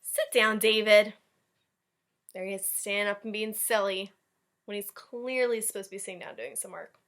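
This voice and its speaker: An elementary school teacher leads a read-aloud storytime, talking directly to young children and commenting as she reads. Her voice is medium-pitched and fairly bright, and she speaks briskly.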